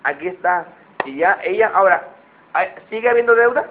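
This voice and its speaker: A man's voice: high voice, brisk, a little hiss or hum. A man preaching a conversational sermon, often asking his listeners questions. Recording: tinny phone-like sound.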